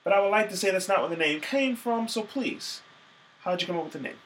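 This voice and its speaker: A man's voice: high-pitched, expressive, fairly quick, fairly bright tone, a little hiss or hum. Tired, chatty young man vlogging in a bedroom. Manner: chatty and playful. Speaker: music vlogger interviewing a band. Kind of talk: casual vlog talk to camera. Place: small bedroom. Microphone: camera mic at close range.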